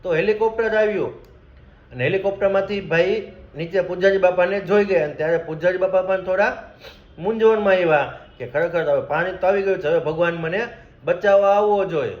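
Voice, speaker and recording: A man's voice: high-pitched, fairly quick. A man narrating a moral story in a plain, conversational way, turning now and then to speak straight to his listeners. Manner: plain, conversational retelling with direct asides to listeners. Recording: echoey room, slightly dull sound.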